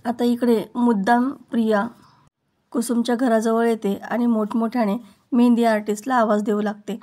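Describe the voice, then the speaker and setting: A woman narrating a TV serial recap as steady, scripted storytelling. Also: fairly high pitch, moderate pace.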